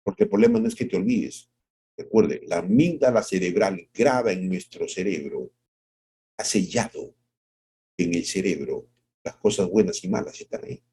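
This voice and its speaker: A middle-aged pastor delivers a devotional sermon, posing rhetorical questions and acting out quotes, swinging from soft, drawn-out phrases to sudden high exclamations. He is very animated, with vocal fry and a breathy edge.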